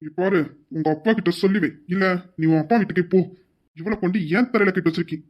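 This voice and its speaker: A woman's voice: fairly low pitch, fast, lo-fi sound, natural voice. A woman voicing an impatient young husband who scolds his wife sharply in an amateur audio drama. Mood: scolding.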